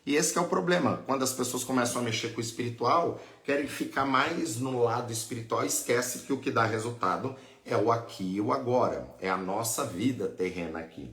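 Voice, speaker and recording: A man's voice: medium pitch, brisk, few pauses, a bit bright, roomy sound. A man with a Brazilian accent, a priest and teacher explaining patiently as he answers questions on a live lesson. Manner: patient, explanatory, adds "né?" and "tá?" often.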